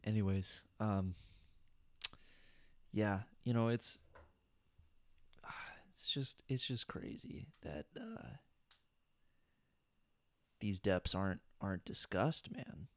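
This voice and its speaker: A man's voice: fairly low pitch, big pitch swings, slow pace, pauses often, no room sound, studio quality. A young man co-hosting a podcast in casual chat, laid-back and swearing, calling people "dude" and "man". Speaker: podcast co-host.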